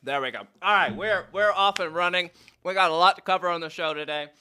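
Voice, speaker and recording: Upbeat bright-voiced male show host. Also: sits high, fairly quick, clear, resonant tone. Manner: chatty, eats on air, upbeat. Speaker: studio host. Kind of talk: morning show hosting. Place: indoor studio.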